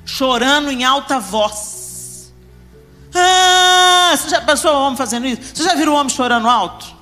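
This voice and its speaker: A woman's voice: on the high side, a bit bright. A woman preaching a sermon at a church family congress, speaking emphatically and putting questions straight to the congregation. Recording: reverberant church hall with music.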